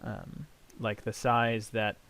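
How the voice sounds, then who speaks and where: Lowish-voiced male game master, measured. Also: level tone, a bit bright. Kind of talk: improvised tabletop game narration.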